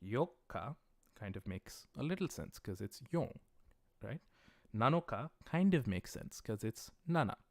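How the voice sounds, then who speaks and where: Teaching Japanese dates in a livestreamed lesson, this patient man, whose first language is English, works step by step and reads out viewer questions, carefully slowing on Japanese words. He's very animated, with a medium pitch, vocal fry, and a darkish tone. The studio sound is clean, with no room sound.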